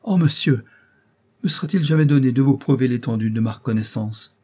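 A man's voice: medium pitch, fairly quick, dark tone, husky, voice pushed up, close to an everyday voice. A man reading an audiobook, voicing a nervous young man who speaks in a plaintive, pleading way. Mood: grateful. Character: despairing young man, nervous and easily swayed. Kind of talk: audiobook character voice.

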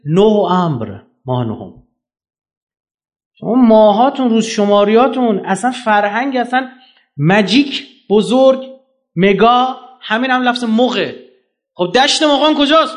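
A man giving a lecture to an audience, emphatic, firing off rhetorical questions and swinging his pitch up and down.

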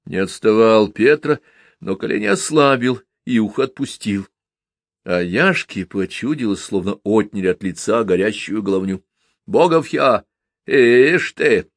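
Animated male audiobook narrator. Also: lowish voice, moderate pace, dry recording, studio quality. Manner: dramatic, animated storytelling. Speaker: audiobook reader.

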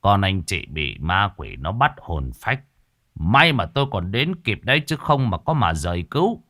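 A man voicing an old village exorcist who speaks in a stern, commanding, measured way. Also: medium pitch, very animated, bright, forceful tone, voice pushed up.

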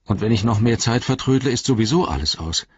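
A man's voice: mid-range voice, animated, quick pace, husky, no room sound, dull audio, pitched above the performer's own voice. A man reading aloud, voicing a loyal young male hobbit servant who pleads and argues with himself in despair. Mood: resolving. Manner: desperate, pleading, arguing with himself.

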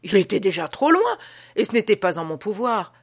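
A woman's voice: mid-range voice, sing-song, brisk, slightly rough. Woman reading as an old prison guard. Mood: spooked. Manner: dramatic, hushed storytelling. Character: old male prison guard telling an uncanny tale. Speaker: audiobook reader. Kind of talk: audiobook reading.

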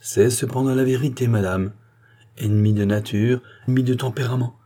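An earnest, urgent statesman, read by a man lays out his warnings point by point. The voice is mellow and a little husky, pitched slightly up and pressing. It sounds like a classic novel read aloud as an audiobook. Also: fairly even intonation, brisk, natural voice. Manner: urgent, explanatory pleading. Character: earnest male politician warning a queen.

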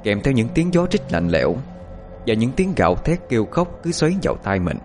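A man narrating a horror story in an expressive, suspenseful manner. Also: mid-range voice, fairly quick, faint music behind.

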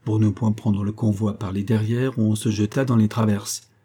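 Male audiobook narrator, measured and steady; low, husky voice. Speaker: audiobook reader. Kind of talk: scripted narration.

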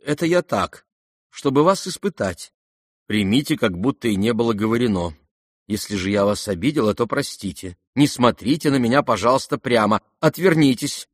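A man's voice: medium pitch, lively intonation, normal speed, no room sound, clean studio sound, close to an everyday voice. A man reading aloud and voicing a proud, irritable young noblewoman who speaks sharply and indignantly. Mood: embarrassed.

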